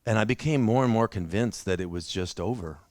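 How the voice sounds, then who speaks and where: Low-voiced man preaching in church. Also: brisk, darkish tone, no room sound, studio quality. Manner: conversational, self-deprecating, with restarts. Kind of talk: sermon with personal testimony.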